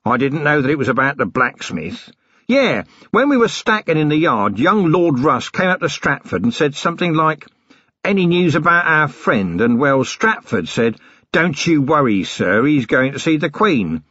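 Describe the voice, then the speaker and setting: Man doing an eager, dim-witted male prisoner for an audiobook; lively pitch, husky edge. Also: moderate pace, dry recording, muffled recording, full character voice. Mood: eager, deferential. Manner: eager, rambling, repeatedly says sir. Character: dim, deferential working-class male prisoner.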